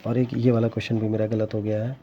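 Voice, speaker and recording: In a fast, flat delivery and a lowish voice, a young man talks to viewers about the scores from his teacher exam, rambling with many restarts and a regretful air. The casual vlog has dull lo-fi sound, faint ambience and a touch of hiss or hum.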